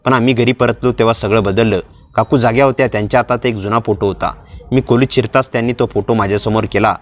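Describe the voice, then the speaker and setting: A man narrating a dramatic first-person story in a steady storyteller's manner. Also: mid-range voice, fast talker.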